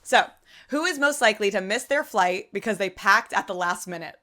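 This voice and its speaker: A woman hosting a casual live interview. Her voice is bright and crisp, and she reads out questions in an upbeat way. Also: mid-range voice, animated, brisk. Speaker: interview host.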